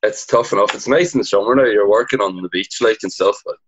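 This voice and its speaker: A man's voice: lowish voice, quick pace, muffled recording, slight background noise. A man in his twenties with a Donegal Irish accent, chatting casually and colloquially as a guest, peppering his sentences with "like". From Donegal, north-west Ireland. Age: 20s. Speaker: podcast guest, amateur Gaelic footballer. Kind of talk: casual chat.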